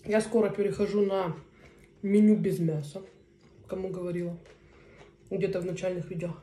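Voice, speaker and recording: A woman in her thirties chats casually to viewers as a mukbang vlogger, talking in short, unhurried phrases with pauses as she eats. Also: lowish voice, fairly even intonation, warm tone. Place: small indoor room at a table. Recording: roomy echo, faint noise, cutlery clinks. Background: cutlery and dishes.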